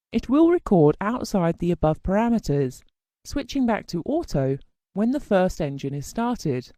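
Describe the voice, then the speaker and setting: This scripted technical lesson comes from a formal teaching narrator who explains things at a measured pace. The tone is gentle and mellow, and the pitch moves in lively swings. Sound is dry and close-miked, without any echo.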